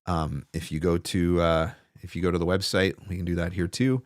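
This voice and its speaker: In a small home studio, a man in his forties who coaches voice-over hosts a livestream, giving conversational advice with emphatic repetition into a close desktop broadcast microphone. His low voice is level and a little fast, and the recording is dry.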